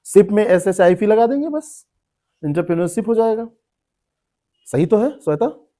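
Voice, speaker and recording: A man's voice: sits high, lively intonation, normal speed, warm tone. A man teaching a classroom lecture, explaining word meanings, repeating terms and quizzing students by name. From India.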